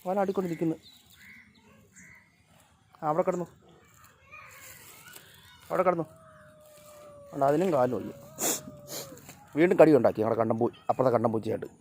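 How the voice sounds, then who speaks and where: A man talking casually to his cats and dogs outdoors by a road, coaxing them and sometimes shouting at them to move. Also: medium pitch, expressive, a little fast, long pauses, husky. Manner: coaxing and scolding the animals, shouting now and then. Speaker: vlogger. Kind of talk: casual chat with his pets.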